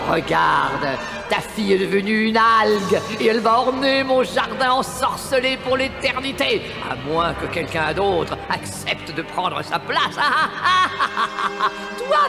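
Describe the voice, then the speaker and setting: A cruel sea witch from an audio storybook, gloating theatrically in a cavernous echo. Her creaky voice swoops widely and stretches out words over music. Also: mid-range voice. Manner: theatrical, gloating, drawn-out phrasing. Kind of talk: dramatized children's audio story acting.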